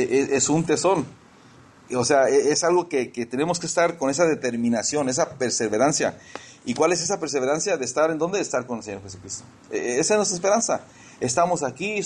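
A man's voice: medium pitch, a little mellow, husky. A man preaching a conversational sermon in church, often repeating words as he searches for the next one.

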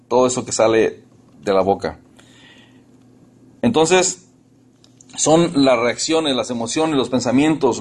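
Man, preacher, sermon, husky voice, earnest, pleading prayers. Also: medium pitch. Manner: earnest, addresses congregation as brothers; pleading prayers and animated asides.

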